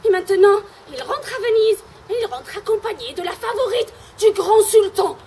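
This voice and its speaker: A woman's voice: very high voice, lively intonation, normal speed, darkish tone, a little hiss or hum. An actress playing a dramatic young lady in love, with declamatory stage delivery. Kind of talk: live commedia dell'arte stage comedy.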